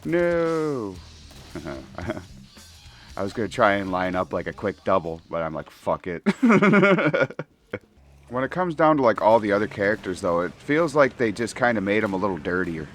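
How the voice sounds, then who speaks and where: A man's voice: lowish voice, expressive, moderate pace. A man rambling casually and profanely while playing a shooter game, laughing often, at a home gaming setup with faint game music behind him. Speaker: gaming commentator.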